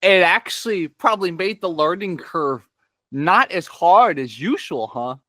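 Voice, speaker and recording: A man's voice: high voice, animated, unhurried, bright, forceful tone, dry recording, clean studio sound. A man hosting an interview, asking questions in an upbeat, enthusiastic way. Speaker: host. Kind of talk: casual interview.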